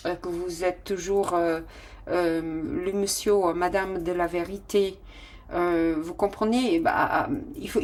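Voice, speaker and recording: Woman tarot reader with a slightly low voice, chatty and fond, often pausing on fillers. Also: darkish tone. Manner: affectionate, calls listeners "my loves", many fillers. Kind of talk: casual tarot reading.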